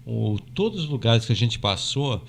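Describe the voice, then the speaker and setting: A Brazilian man, a podcast host, calmly recounting a pilgrimage in casual chat, affirming often with short replies. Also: mid-range voice, normal speed, gravelly, slight background noise. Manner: brief affirming interjections, calm recounting.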